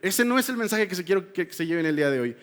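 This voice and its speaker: Pastor preaching in a reverberant hall. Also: male voice, sits high, animated, racing. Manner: emotional, swings from loud appeals to hushed confession. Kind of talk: sermon. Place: church hall.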